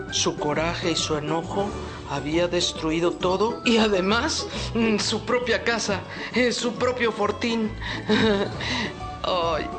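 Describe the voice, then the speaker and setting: A woman's voice: mid-range voice, gravelly. Woman storyteller doing a kids folk tale, music going behind. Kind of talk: children's folk-tale narration.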